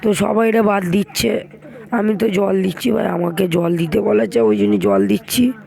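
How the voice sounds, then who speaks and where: A hoarse young man, chatting casually to viewers as he vlogs and calls them brother. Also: high voice, animated, normal speed, a little mellow, rough recording. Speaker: vlogger. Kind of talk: casual vlog narration.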